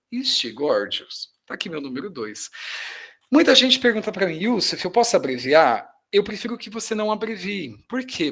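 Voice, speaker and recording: A man teaching English grammar to Portuguese speakers, energetic and emphatic, slowing down to model each English phrase. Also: a little high. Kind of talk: grammar lesson explaining on slides.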